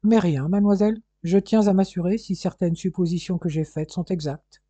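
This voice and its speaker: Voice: mid-range voice, fairly quick, dark tone, no room sound, pitched above the performer's own voice, close to an everyday voice. A reader voicing a persistent male police inspector, insistent and coolly formal in an audiobook. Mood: polite. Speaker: detective questioning a household.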